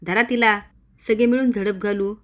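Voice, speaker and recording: A woman's voice: medium pitch, fairly even intonation, normal speed, a bit bright, lightly acted. A woman voicing a bold older village man who gives orders and urges others on. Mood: commanding. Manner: commanding, urging others on.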